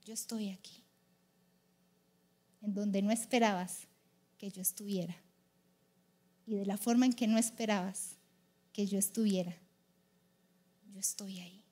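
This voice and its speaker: A woman voicing a hushed, tender God. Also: medium pitch, steady tone, measured pace, long pauses, pitched below the performer's own voice, close to an everyday voice. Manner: hushed, soft and half-whispered. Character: gentle consoling God, male, tender and quiet.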